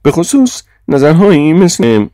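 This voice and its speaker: A man's voice: on the high side, very animated, warm tone, dry recording, studio quality, voice pushed up. A man reading an audiobook, voicing a stern, pompous British official man with a raised, clipped, indignant delivery.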